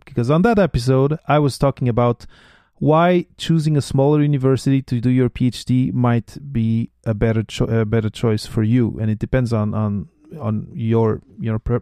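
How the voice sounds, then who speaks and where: A man's voice: mid-range voice, dark tone, no echo, studio quality. A man hosting a podcast interview, talking in a casual, hesitant way and often repeating words as he thinks. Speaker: podcast host.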